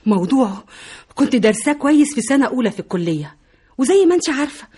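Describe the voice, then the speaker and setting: A young Egyptian woman in a radio drama, a devoted daughter who is earnest and reassuring. She talks quickly in a slightly high, breathy voice. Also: very animated, warm tone, heavily acted. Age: young adult.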